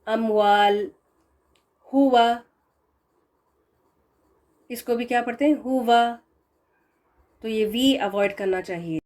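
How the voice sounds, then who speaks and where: A woman teaching a recitation lesson, explaining pronunciation patiently and repeating example words slowly. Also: fairly high pitch, darkish tone.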